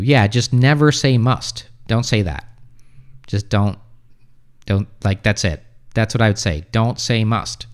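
Speaking into a boom-mounted studio mic right by his mouth, this thirtysomething host, raised in the US, streams casual English lessons from a small home room. He picks up viewer comments and responds loosely, full of fillers, in a slightly mellow way.

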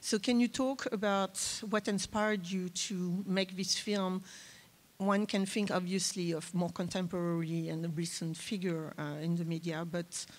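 A woman moderating a festival panel on a theater stage, speaking gently into a handheld mic with hesitant fillers. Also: lowish voice, flat delivery, a little slow.

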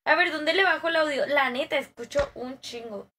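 A woman's voice: high-pitched, moderate pace, sharp tone, a little hiss or hum. A young woman with a Mexican accent, chatting casually and playfully with slang while streaming a game. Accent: Mexican Spanish. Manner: playful, slangy, laughing asides. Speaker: gaming streamer. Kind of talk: casual gaming stream chat.

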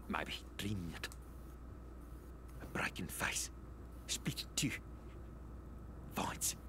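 A bitter, unravelling survivor, as heard in a horror video game. He speaks slowly, and his pitch swings widely. His voice is gravelly and strained, and faint noise sits behind it. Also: full character voice. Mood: haunted whisper. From South Africa. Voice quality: gravelly, curses.

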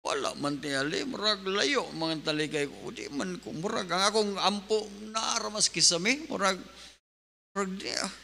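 A male pastor preaching an animated sermon, mixing in English. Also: high voice, normal speed, gravelly, slight background noise. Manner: animated preaching, switching between Bisaya and English. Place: church hall. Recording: long hall reverb.

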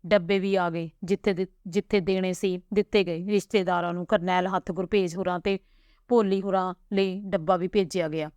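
A woman storyteller reading a serialized family story in a calm, measured way. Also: on the low side, clear, resonant tone, no echo. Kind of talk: scripted story narration.

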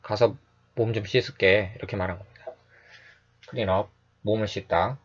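A man teaching English phrases in a calm, explanatory lecture, repeating each phrase slowly and often adding a short "yes". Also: lowish voice, breathy edge, dull audio.

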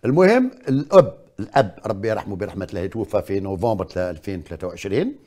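A man's voice: on the low side, big pitch swings, racing, darkish tone. An older man with an Algerian accent hosting a studio talk show, asking insistent, probing questions and often repeating them.

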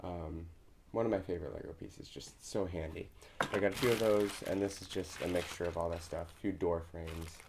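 Young man, casual vlog, upbeat and chatty, lowish voice, small bedroom, phone mic, faint hiss. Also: steady tone, fairly quick. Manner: chatty, upbeat, with frequent ums. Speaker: vlogger.

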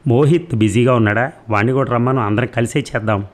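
A man voicing a calm, reassuring middle-aged male bank officer in an audiobook reading, steady and polite. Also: medium pitch, fast, natural voice. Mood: brisk.

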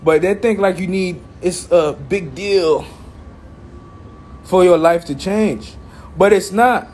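A young man from Haiti with a fairly high-pitched voice talks straight into a phone held at arm's length in a small room at home. His talk is loose and emphatic, full of repeated phrases and checks like "right?" as he motivates his viewers. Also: takes it slowly, darkish tone, slight background noise. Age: young adult. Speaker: forex trading vlogger. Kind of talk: casual motivational talk to camera.

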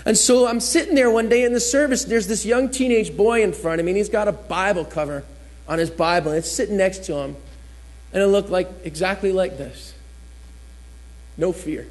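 Man, high voice, preacher from New Jersey, chatty storytelling sermon, acts out the people in his story. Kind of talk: sermon told as a personal story.

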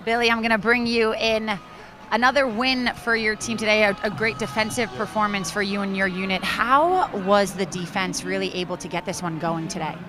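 A woman's voice: medium pitch, normal speed. A young woman sideline reporter with a handheld mic, questioning coaches and players on a field at night in a polished, friendly way. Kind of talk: postgame sideline interview. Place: outdoors on a football field at night. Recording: outdoor broadcast with music bed.

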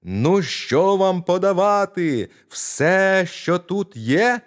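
A man voicing a tiny, brave and cheeky boy who shouts in a high, thin voice in an audio fairy tale. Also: expressive, slow pace. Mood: shrill, cheeky.

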